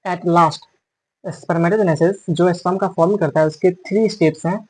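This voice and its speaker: Speaking at a normal speed in a high, steady voice, a man gives a classroom-style biology lecture. He switches English words into his Hindi and repeats and corrects terms as he explains. There's no room sound, but the recording quality is low.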